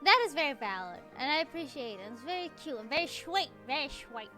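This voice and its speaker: A woman's voice: sits high, sing-song, fairly quick, sharp tone, faint music behind. A woman hosting a podcast in casual chat, gushing over her guest and swearing freely. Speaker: podcast host.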